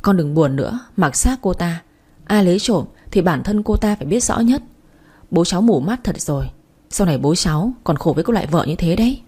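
A protective old grandmother, read by a woman in a spoken story, scolding those who wrong her grandchild. The voice is dark and husky. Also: lowish voice, lively intonation, a little fast. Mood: comforting. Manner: scolding, fiercely defending.

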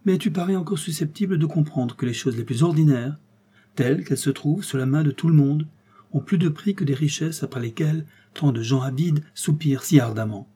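A mysterious, otherworldly stranger who questions in a measured, knowing way, as a man voices him. His tone is slightly raised and firmer than the narration, yet stays dark and husky, in the manner of a storybook reading. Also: a little high. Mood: probing. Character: mysterious smiling stranger, supernatural, calm and knowing.

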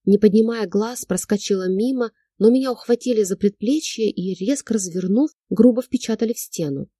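A woman reading a novel aloud as first-person narrator, in a measured, emotional storytelling manner. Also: mid-range voice, warm tone, breathy edge, no echo, studio quality. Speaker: audiobook narrator.

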